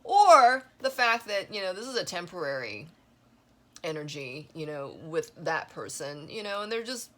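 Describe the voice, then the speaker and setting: A woman giving a casual spoken tarot reading, rambling with many fillers and a voice that is going hoarse. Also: on the low side, big pitch swings, moderate pace, fairly bright tone. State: losing her voice. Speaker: tarot reader.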